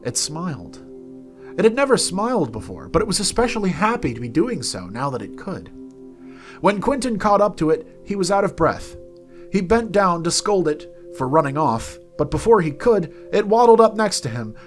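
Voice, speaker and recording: A man reading a fantasy story aloud as narrator, in an expressive, soft-spoken way. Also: fairly high pitch. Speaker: narrator and game company host.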